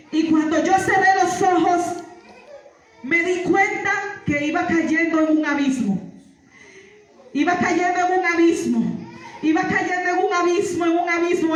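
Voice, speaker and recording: A woman with a very high-pitched voice gives a church testimony from well back from the microphone, so she sounds distant in a very reverberant, echoey hall. She keeps repeating phrases and calling out praise, building into fervent shouts.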